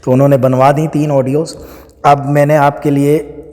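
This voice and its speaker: Man explaining worship stuff chattily, kinda high voice, long echo on it. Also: level tone, normal speed, a little mellow. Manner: conversational, mixes English phrases, explains with examples. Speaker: spiritual teacher. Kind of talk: casual spiritual talk to camera.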